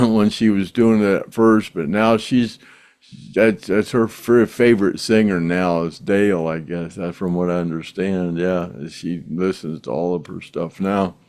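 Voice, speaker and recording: An older man speaks very slowly in a low, smooth, resonant voice, drawling and hesitating with fillers as he signs off the show. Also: steady tone, darkish tone. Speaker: podcast host. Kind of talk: casual chat and sign-off.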